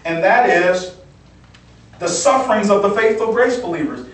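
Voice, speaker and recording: A man's voice: high-pitched, expressive, moderate pace. A male pastor teaching from the Bible in a sermon, repeating key phrases and checking in with "okay?". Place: church sanctuary. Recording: echoey church hall from far off.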